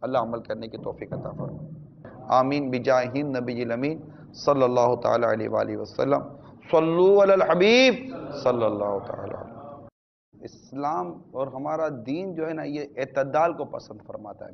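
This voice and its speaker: A man's voice: medium pitch, gravelly, highs cut off, slight background noise. A man giving a conversational sermon on marriage as an Islamic preacher, speaking straight to his viewers.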